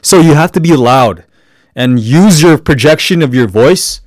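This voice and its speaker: A podcast speaker gives casual, encouraging networking advice in a motivational talk, full of fillers and restarts. His voice is deep and loud, projected from the diaphragm, yet a little higher than usual for a man, with lively intonation and a slightly slow pace. The recording is dry and close, with no room sound.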